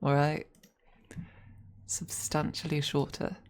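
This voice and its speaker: A young adult woman streaming, chatting casually and thinking out loud as she plans a role-play with her chat, laughing often and swearing freely. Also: sits low, flat delivery, slow pace, a little hiss or hum. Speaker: ASMR streamer.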